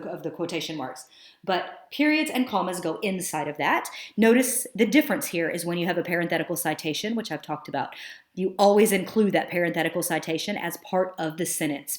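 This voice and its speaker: A woman teacher narrating a screencast lesson in an explanatory, conversational way with some fillers. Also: on the low side. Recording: roomy echo.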